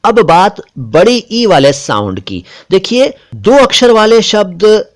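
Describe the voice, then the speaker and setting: A man with a slightly raised voice teaches Urdu letters as a patient lesson. He drags out each short word slowly and deliberately, and he insists firmly on correct pronunciation. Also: high-pitched, sing-song. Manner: slow, deliberate spelling-out of letters and words; stresses correct pronunciation, a bit critical of others. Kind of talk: spoken script lesson.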